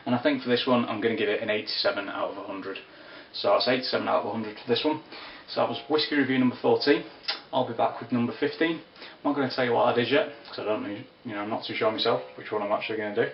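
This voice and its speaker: A man giving a casual spoken whisky review, unhurried and descriptive with wry asides. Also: mid-range voice, vocal fry, a little hiss or hum. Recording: roomy, distant, dull lo-fi sound.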